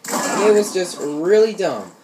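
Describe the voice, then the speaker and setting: With a high-pitched, very animated, unhurried voice and a darkish tone, this gaming YouTuber from Ohio talks casually over gameplay. He's a teenager or young adult using lots of slang and swearing, and his noisy home recording carries shooter game sounds in the background.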